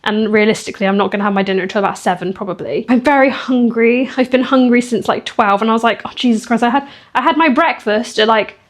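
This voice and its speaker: A young woman chatting casually in a fitness vlog, emotional and quick to laugh. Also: a little high. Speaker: fitness vlogger.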